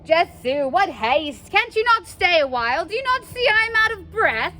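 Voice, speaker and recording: A woman acts out a stalling old nursemaid from a stage play, full of aches and complaints. The delivery is groaning and theatrical, high in pitch and swinging widely. There is faint noise in the recording. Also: sing-song, moderate pace, bright, forceful tone, heavily acted. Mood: weary complaining. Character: weary, aching, stalling old nurse, female.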